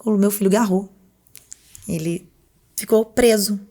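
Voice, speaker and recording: A woman's voice: medium pitch, a little slow. A woman, a podcast guest telling her story in a casual interview and acting out what others said. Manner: animated storyteller who acts out other people's words.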